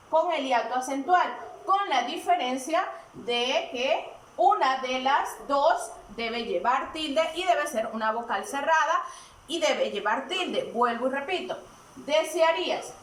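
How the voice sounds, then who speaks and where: A woman teaching a recorded grammar lesson, asking questions and answering them herself in a deliberate, step-by-step way. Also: high voice, a bit bright. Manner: slow and deliberate, asks and answers her own questions. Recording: echoey room, mic at a distance.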